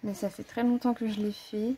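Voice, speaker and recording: Against a noisy background, a coloring-book hobbyist talks fairly quickly in a medium-pitched, fairly flat voice during a casual show-and-tell to camera. She chats, thinks out loud, fixes her own wording, and frequently hesitates or says "voilà".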